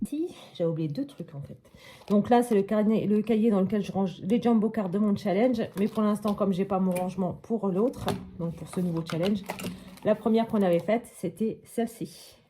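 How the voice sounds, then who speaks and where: A woman's voice: medium pitch, steady tone, moderate pace, warm tone, a little hiss or hum. A woman hosting a casual step-by-step crafting tutorial at her craft table at home, chatting and thinking aloud with many little hops and voilàs.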